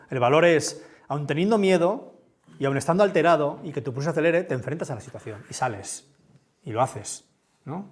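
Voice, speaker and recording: A man from with a big, booming voice gives a conference talk in a lecture room, speaking conversationally and often checking in with his listeners. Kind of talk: conference talk with audience questions.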